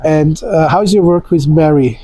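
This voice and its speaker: A man's voice: on the high side, moderate pace, warm tone, dry recording, low-quality recording. A man interviewing a guest, speaking in an effusive, admiring way. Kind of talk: interview conversation.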